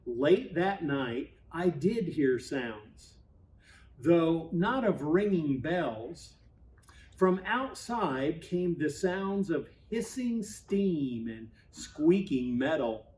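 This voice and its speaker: A man narrates a children's story very slowly, in a slightly higher male register. His phrasing is measured and expressive, with dramatic pauses. The mic sits a little way from him. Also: a little hiss or hum. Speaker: pastor reading a Christmas story aloud. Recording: voice at a distance from mic.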